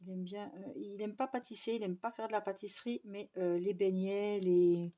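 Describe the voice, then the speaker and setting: A woman's voice: medium pitch, steady tone, normal speed, warm tone. A young woman chatting casually to her viewers, rambling with lots of fillers and restarts. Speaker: vlogger.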